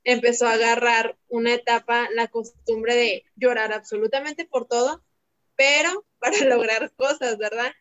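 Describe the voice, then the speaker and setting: A woman's voice: on the high side, steady tone, moderate pace, fairly bright tone. A woman, a teacher and mother chatting casually as a podcast guest and telling anecdotes with light laughs. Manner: talkative, tells anecdotes, laughs lightly while speaking. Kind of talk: casual conversation. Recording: dull lo-fi audio.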